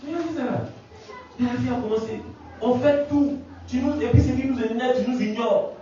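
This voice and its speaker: Shrill possessed young woman, accusing and strained, put on by a male preacher; echoey hall, distant mic. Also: brisk, dark tone, highs cut off, a little hiss or hum. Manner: high, strained, scolding.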